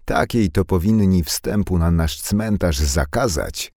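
A man's voice: low voice, expressive, a little mellow, no room sound, clean studio sound, voice pushed up, exaggerated voice. Man doing a venomous village woman. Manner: spiteful, slow, raised. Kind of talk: audiobook character voice.

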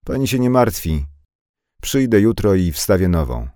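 Man doing a gruff, stern old village carpenter. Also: low voice, big pitch swings, moderate pace, no echo, clean studio sound, voice pushed up. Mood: gruffly kind. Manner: sharp, commanding, loud. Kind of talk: audiobook character voice.

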